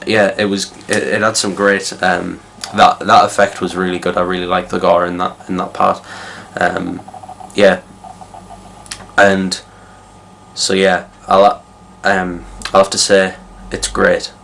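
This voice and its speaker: Deep-voiced young man, rambling. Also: creaky, fairly bright tone, a little hiss or hum. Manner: rambling, many fillers and restarts. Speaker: film reviewer. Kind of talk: casual spoken movie review.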